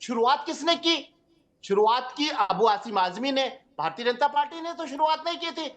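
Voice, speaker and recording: High-voiced man arguing combatively. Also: lively intonation, normal speed. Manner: combative, lecturing. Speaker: debate panelist. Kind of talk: heated political argument.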